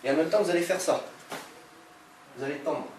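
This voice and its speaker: A man's voice: on the high side, brisk, darkish tone. A man teaching self-defense in a live class, giving directions and checking in with frequent "okay?"; recorded in an echoey hall from a distant camera mic with noise behind.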